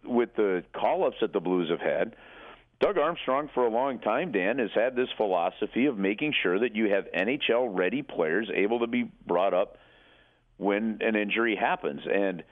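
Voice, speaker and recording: A man's voice: on the low side, animated, normal speed. A man giving emphatic hockey analysis as a radio commentator, calling in over the telephone and repeating words as he explains. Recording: narrow, tinny phone line.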